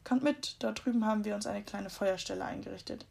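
A woman voicing a friendly grown woman who talks in a lively, questioning way. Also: medium pitch, fairly quick, gravelly.

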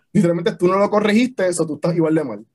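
A young man telling army stories in a casual podcast chat, slangy and animated, mixing Spanish and English. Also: high-pitched, a little fast, husky. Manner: animated storyteller, slangy and swearing. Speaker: podcast guest, army veteran.

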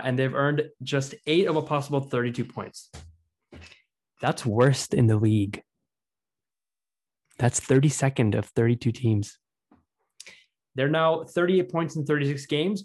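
A man hosting a casual sports podcast, chatting loosely and rattling off stats. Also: mid-range voice. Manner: chatty, reads out stats and quotes. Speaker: podcast host.

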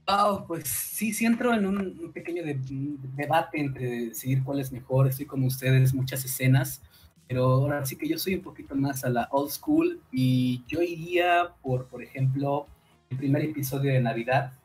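A man's voice: a little high, animated, moderate pace, darkish tone, soft background music, low-quality recording. A man in a casual chat among friends, easygoing and a little hesitant.

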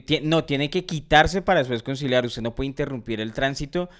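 Smooth-voiced Bogotá man chatting. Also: mid-range voice, fairly quick. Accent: Colombian, Bogotá. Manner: relaxed storyteller who gives friendly advice, slangy. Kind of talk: casual chat, storytelling.

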